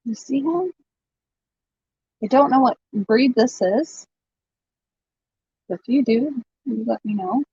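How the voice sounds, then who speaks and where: A chatty woman runs a live vintage sale, laughing often as she talks. Her voice sits fairly high and she takes her time. The stream audio is dull and lo-fi, with a dry, close sound. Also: animated, slow, pauses often, warm tone, breathy edge, no room sound. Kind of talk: casual live-stream selling chat.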